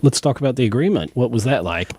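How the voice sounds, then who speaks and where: A man hosting a radio interview, asking questions in a halting, friendly way with many fillers. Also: medium pitch, animated, darkish tone, slightly rough. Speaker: interview host.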